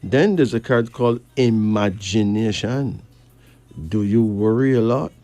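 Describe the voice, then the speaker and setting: A man's voice: lowish voice, measured pace, dark tone, no room sound, faint music behind. Man, emphatic card reader. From Barbados. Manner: emphatic, rising questions, dialect grammar. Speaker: host reading cards. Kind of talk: casual chat and card reading.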